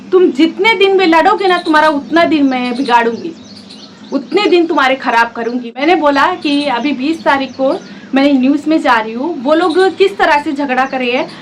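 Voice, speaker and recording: A woman's voice: high voice, slight background noise. A woman vlogger in her thirties from India, angrily and defiantly scolding her family straight to camera. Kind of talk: angry direct-to-camera vlog rant.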